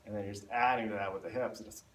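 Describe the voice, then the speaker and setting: Racing along in a lowish, steady voice, a male instructor explains and demonstrates a spinal stability workout, a little out of breath. The echoey recording comes from a far-off mic and has faint noise.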